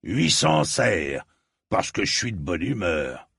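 A man doing a gruff, proud armorer. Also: lowish voice, expressive, takes it slowly, fairly bright tone, dry recording, clean studio sound, heavily acted. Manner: gruff, blunt, matter-of-fact. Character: stocky proud bearded male armorer, blunt.

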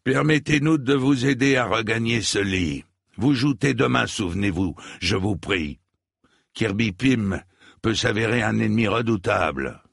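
A man's voice: fairly low pitch, expressive, measured pace, creaky, slightly rough, dry recording, studio quality, pitched above the performer's own voice, exaggerated voice. A man voicing a stern, proud lord in a storybook reading, talking in a cold, clipped and threatening way.

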